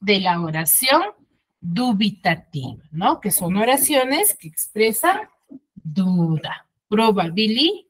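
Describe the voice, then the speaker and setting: A woman's voice: medium pitch, very animated, slow pace. A woman schoolteacher giving an online grammar class, explaining step by step and checking with her pupils.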